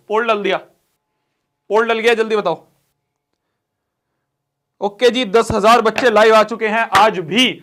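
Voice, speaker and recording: A young man with a high voice runs a live online math class. He speaks, repeats his points, and alternates between scolding the students and pleading with them. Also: a bit bright. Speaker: math teacher.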